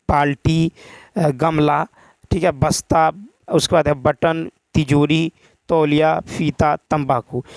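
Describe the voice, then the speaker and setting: A man's voice: fairly high pitch, gravelly, no echo. A male teacher, giving an exam-prep lecture and going through answers, often repeating points and asking and answering his own questions.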